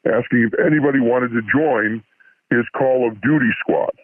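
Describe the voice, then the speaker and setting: Disguised caller through a voice changer. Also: male voice, mid-range voice, normal speed, slight background noise. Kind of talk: casual phone-in chat. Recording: tinny phone line.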